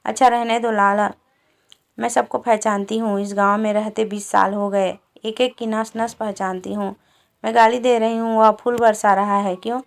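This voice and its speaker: A woman voicing a fierce, proud peasant wife in a village quarrel, speaking in a sharp, scolding way. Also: medium pitch, level tone, normal speed, gravelly, close to an everyday voice. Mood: defiant.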